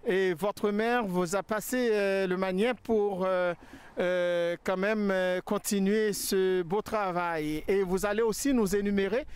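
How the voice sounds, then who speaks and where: High-pitched, slow male TV reporter. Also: fairly even intonation, clear, resonant tone. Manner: halting, hesitant phrasing. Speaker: TV reporter and interviewer. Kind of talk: unscripted on-location report. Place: outdoors on a farm.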